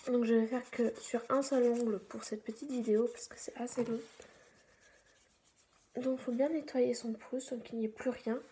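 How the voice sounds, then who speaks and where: A woman giving a casual nail tutorial, chatty, with many fillers and a few soft whispered asides. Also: a little high, steady tone, normal speed. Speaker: beauty vlogger.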